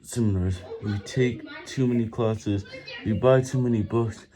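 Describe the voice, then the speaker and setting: A man reading a book aloud while doing push-ups, sounding effortful and halting, stumbling over words and repeating them. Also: mid-range voice, steady tone, crowd noise. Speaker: amateur vlogger reading aloud.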